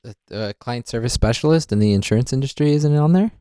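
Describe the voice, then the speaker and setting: A man chatting as a podcast guest who drops deadpan one-liners and sometimes stumbles over his words. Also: mid-range voice, fast talker, clear, resonant tone, dry recording, studio quality. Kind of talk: casual chat.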